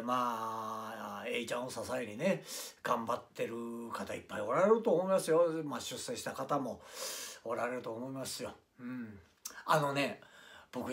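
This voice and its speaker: A man's voice: mid-range voice, a bit bright. A man with a Kansai accent, a rakugo performer chatting casually about his own experiences. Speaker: rakugo performer, channel host. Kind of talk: casual storytelling chat. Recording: roomy, distant mic.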